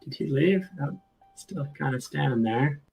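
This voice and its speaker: A man's voice: fairly high pitch, animated, a little slow, gravelly, darkish tone, soft background music, rough recording. A man giving casual, think-aloud live commentary as a host going through video clips. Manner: thinking aloud, informal narration. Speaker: video host reviewing footage.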